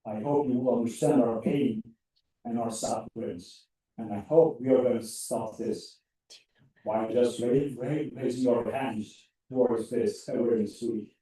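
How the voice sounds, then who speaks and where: A man's voice: mid-range voice, fairly even intonation, warm tone. Earnest young man from Turkey, echoey hall. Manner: earnest, halting, some non-native phrasing. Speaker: student club member. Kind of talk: public comment at a meeting. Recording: echoey hall, mic from a distance.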